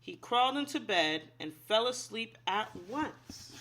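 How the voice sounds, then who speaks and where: A teacher acting as a read-aloud storyteller shares a children's picture book expressively and in an instructive manner, asking young listeners simple questions. Her fairly high voice has lively intonation and a fairly bright tone, at a slightly slow pace.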